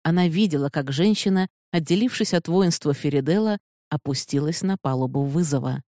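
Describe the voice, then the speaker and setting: An audiobook narrator reading a fantasy novel in a measured, steady way, close to the mic. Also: medium pitch, dry recording.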